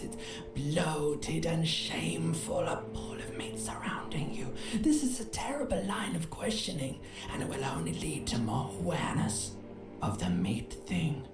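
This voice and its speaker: A woman voicing a cruel, mocking inner voice of raw feeling in scripted game narration, in a hissing, taunting whisper. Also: low-pitched. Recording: echoey game audio over music.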